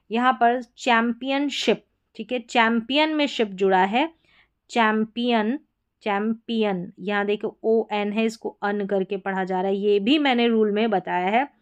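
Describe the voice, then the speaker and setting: Clear-voiced Indian woman teaching pronunciation. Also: on the high side. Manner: slow, deliberate, spells words letter by letter. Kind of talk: explaining spelling patterns.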